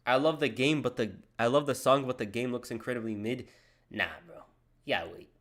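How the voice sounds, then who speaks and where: A man with a mid-range, somewhat bright voice streams live at a moderate pace, reacting to a wrestling video and reading out donations. His chatter is loose and slangy, and he says "bro" a lot.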